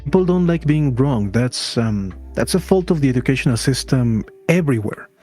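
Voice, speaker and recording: Male streamer in conversation, measured emphatic delivery, repetition for weight, music in the background. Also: mid-range voice, lively intonation, warm tone. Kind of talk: casual discussion, opinion.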